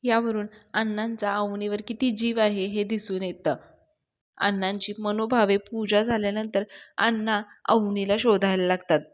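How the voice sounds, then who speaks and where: A woman's voice: mid-range voice, flat delivery, moderate pace. A woman reviewing a TV serial episode, retelling the scenes in a casual storytelling way and addressing her listeners directly.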